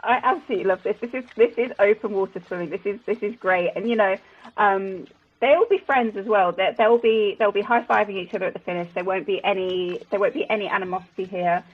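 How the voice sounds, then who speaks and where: A woman's voice: mid-range voice, brisk, lo-fi sound. A woman giving live sports commentary as color commentator, enthusiastic and full of fillers and restarts.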